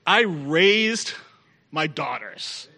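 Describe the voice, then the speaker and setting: A middle-aged male preacher delivering a sermon to a congregation in the room. His voice sits high and sounds piercingly bright. He is emphatic and drives his points home by repeating key phrases. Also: animated, extremely slow, creaky.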